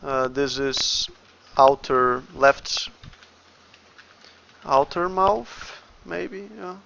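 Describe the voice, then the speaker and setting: Fairly high-pitched with vocal fry, this man's voice sounds pushed and bright, though the audio is dull and carries a slight hiss or hum. He's a Brazilian game developer with a Brazilian Portuguese accent, casually narrating his work on a livestream and muttering every step to himself.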